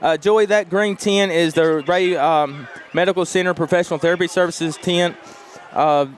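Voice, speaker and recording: A man giving color commentary on a local high school football broadcast, earnest and halting, with many fillers. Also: fairly even intonation, a little hiss or hum.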